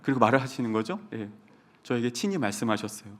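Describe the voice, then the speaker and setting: Animated Korean pastor telling stories. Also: male voice, mid-range voice, fast. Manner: animated storytelling, acts out students in quoted voices. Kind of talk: humorous sermon.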